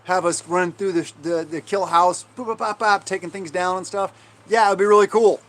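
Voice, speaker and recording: Man, American accent, slightly high voice, livestream host, informal chat, halting delivery, restarts and trailing phrases. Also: level tone. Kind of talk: casual livestream chat, answering viewer comments.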